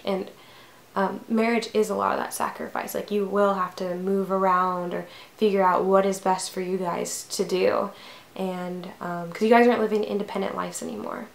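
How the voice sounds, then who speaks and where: Young woman with a gravelly vlog voice. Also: mid-range voice, roomy sound. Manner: rambling, many "like" and "um" fillers. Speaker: vlogger. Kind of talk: casual vlog talk to camera.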